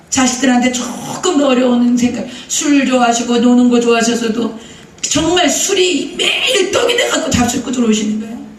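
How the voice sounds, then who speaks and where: A woman's voice: sits high, slight background noise. Emphatic woman pastor preaching in an echoey church. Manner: emphatic storytelling with rhetorical questions to the congregation. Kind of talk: sermon. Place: church sanctuary. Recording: roomy church hall, voice heard from a distance.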